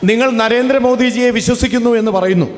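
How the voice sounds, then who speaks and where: A man's voice: very high voice, fast, long reverb tail, a little hiss or hum. Formal man interpreting at a rally. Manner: formal, declamatory, repetitive phrasing.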